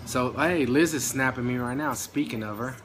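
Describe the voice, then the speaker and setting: A man's voice: mid-range voice, normal speed, a bit bright. Man, casual rambling talk, lots of "you know", a bit breathless, faint hiss behind. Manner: loose, rambling, full of "you know" and mild swearing. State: out of breath, dry throat. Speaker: vlogger on diet and nutrition.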